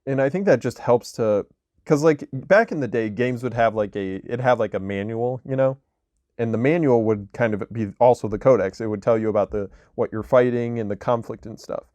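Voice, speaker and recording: A man's voice: mid-range voice, brisk, darkish tone, no room sound. Rambling male co-host, mid-range voice, dry close mic, casual games talk. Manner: rambling, lots of likes and restarts. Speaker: podcast co-host. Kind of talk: casual gaming chat.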